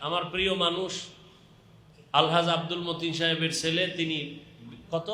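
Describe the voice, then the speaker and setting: Casting: Bangladeshi male preacher, high-pitched and piercing, running a donation appeal with repeated urging and blessings, echoey PA. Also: flat delivery, moderate pace, pushed and bright. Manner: urging, repetitive calls to the crowd. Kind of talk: live religious fundraising appeal, calling out donations with short blessings. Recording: echoing public-address sound.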